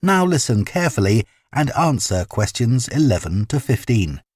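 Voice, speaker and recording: A man reading formal listening-test instructions in a measured voice. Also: medium pitch, sing-song, darkish tone, slightly rough, no echo, studio quality. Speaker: exam narrator. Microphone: studio microphone, dry.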